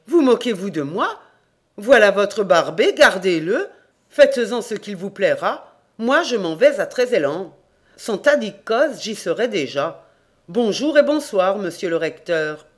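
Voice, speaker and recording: A fretful young peasant lad from an old storybook, as the audiobook reader puts him on, exclaiming in a lifted, pushed-up voice. His complaints spill out loud and quick to anger, then turn plaintive. The pitch sits in the middle of the range, and the delivery is clearly read aloud. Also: lively intonation, lightly acted. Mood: indignant, plaintive. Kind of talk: audiobook character reading.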